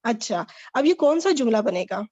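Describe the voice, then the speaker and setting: High-voiced woman teaching grammar patiently. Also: very animated, a little mellow, lo-fi sound. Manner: patient, quizzing and explaining slowly. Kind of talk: online grammar lesson with a student.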